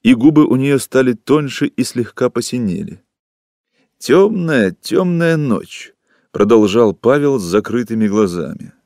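A male narrator reads a classic story in a measured, even telling. His voice sits at a middle pitch. The recording is dry and close, with no room sound. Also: no echo. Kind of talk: literary audiobook reading.

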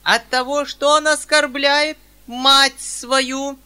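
Man doing a shrill imperious old widow. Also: flat delivery, takes it slowly, bright, forceful tone, heavily acted. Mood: accusing. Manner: menacing, shrill, accusing. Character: imperious old general's widow, domineering mother.

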